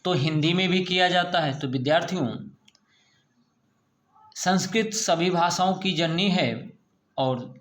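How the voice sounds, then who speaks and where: A male teacher with a high, somewhat bright voice leads students through a grammar lesson, drilling each question and answer in a slow, deliberate rhythm with drawn-out words. The recording has noticeable room echo.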